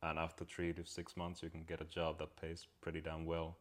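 A man from Finland, a guest talking reflectively and pausing to search for words. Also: a bass voice, completely flat delivery. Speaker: podcast guest. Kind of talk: casual conversation.

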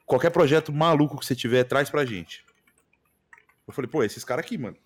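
A man's voice: medium pitch, fairly quick. A man with a Brazilian accent, a streamer guest chatting casually and slangily about his streams. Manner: slangy, animated, repeats mano and velho. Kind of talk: casual podcast chat.

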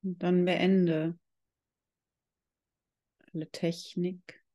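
A yoga instructor guiding a meditation in calm, measured, drawn-out phrases. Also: mid-range voice, dull audio. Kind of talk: slow guided yoga meditation.

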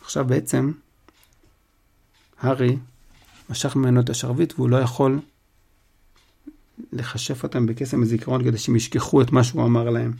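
A man's voice: mid-range voice, flat delivery, creaky, long pauses, dark tone, husky. A man reading a story aloud, stopping to explain the plot in casual asides.

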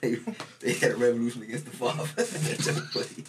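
A man talks quickly in casual, slangy frat-bro banter. He swears freely and repeats phrases to drive a point home, with noticeable background noise and clicks. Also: mid-range voice. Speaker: podcast co-host.

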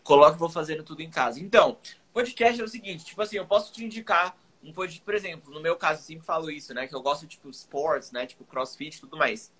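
A man from Brazil chatting casually as a podcast host, relaxed and full of filler words. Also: on the high side, fast, slightly rough. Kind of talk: casual chat.

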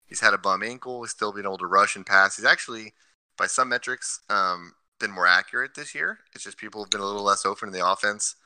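A man's voice: fairly low pitch, quick pace, pushed and bright, smooth, no echo, low-quality recording. A man co-hosting a casual sports podcast, laying out his picks with stats and reasons. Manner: analytical, cites stats. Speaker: podcast co-host.

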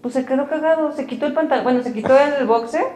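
A young woman with a Mexican accent, telling a story in an animated, slangy way during a casual chat. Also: high-pitched, fast. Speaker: podcast co-host. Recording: roomy echo.

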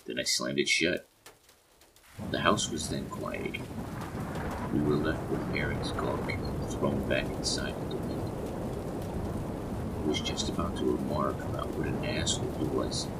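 A man narrating a horror story in a measured storytelling manner. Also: very deep voice, very noisy.

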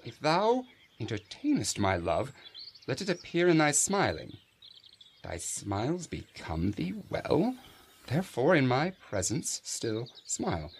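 A man's voice: medium pitch, slight background noise. An actor playing a pompous, self-deluded male steward who reads aloud in a preening, theatrical way. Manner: preening, savoring each word, theatrical swoops. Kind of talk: amateur reading of a classic stage play.

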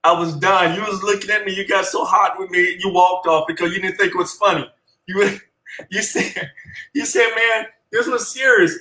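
Fairly high male voice, teasing friend, reverberant room. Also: fairly even intonation, pushed and bright. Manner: teasing, laughs while telling, drawn-out delivery. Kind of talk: casual chat.

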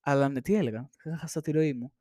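Chatting casually on a shared microphone at home, this young adult podcast host rambles and laughs frequently. He has a mellow mid-range voice, captured in dry, clean studio-quality sound.

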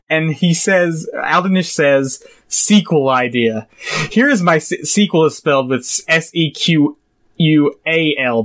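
A young man chatting on a podcast in a fairly high voice. He is animated and loose, laughing easily and peppering his talk with filler words. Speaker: podcast co-host. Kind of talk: casual podcast chat.

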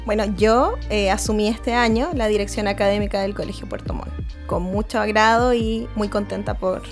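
A woman's voice: medium pitch, steady tone, normal speed, soft background music. A woman in her thirties, an academic director, answering interview questions in a friendly, composed way. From Chile. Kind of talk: casual podcast interview.

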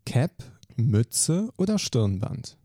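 Male podcast host, gravelly, animated delivery, dry booth sound. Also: medium pitch, no echo. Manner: brisk, lively questioning. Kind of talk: quick-fire question interview.

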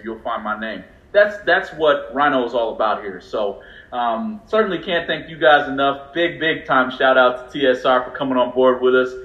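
Excitable chatty man in a roomy lo-fi stream. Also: fairly high pitch. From California. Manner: excitable, chatty, laughs often. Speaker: co-host of a racing livestream. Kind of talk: casual livestream chat. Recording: roomy, dull lo-fi sound.

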